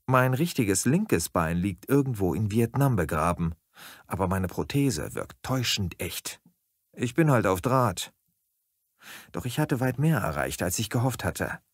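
A man narrating a comic story in a dry, self-satisfied, deadpan way. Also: on the low side, no room sound.

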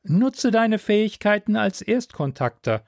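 A man voicing a calm, inquisitive male alien mentor in a measured, questioning way. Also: high-pitched, vocal fry, dry recording, clean studio sound, pitched above the performer's own voice, heavily acted. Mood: probing.

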